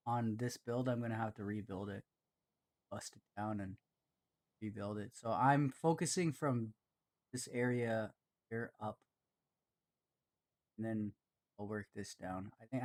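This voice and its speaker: A man with a Canadian accent, chatting casually and hesitantly as he streams himself building, often trailing off and joking at his own expense. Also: mid-range voice. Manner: rambling, hesitant, self-deprecating. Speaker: live streamer. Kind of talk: casual commentary while building.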